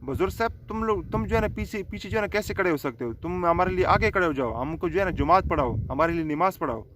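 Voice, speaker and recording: A man's voice: high voice, lively intonation, quick pace, fairly bright tone, a little hiss or hum. A man playing a courteous king. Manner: polite, formal address. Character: male king, testing and courteous.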